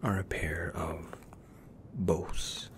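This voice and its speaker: ASMR role-play: man as formal, reassuring flight attendant, low-pitched, unhurried, close-miked. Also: steady tone, slight background noise. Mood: soothing, attentive. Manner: flight attendant's formal, soothing service patter.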